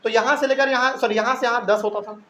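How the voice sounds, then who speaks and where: A man's voice: extremely high pitch, fairly even intonation, fast, sharp tone, a little hiss or hum, rough recording. A man teaching a math lesson, explaining step by step and asking questions before answering them himself.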